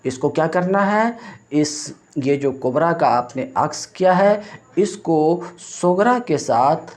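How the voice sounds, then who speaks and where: A man's voice: fairly high pitch, animated, darkish tone. A male religious teacher giving a classroom lecture on logic, explaining step by step, asking check-in questions and reciting textbook lines in Arabic.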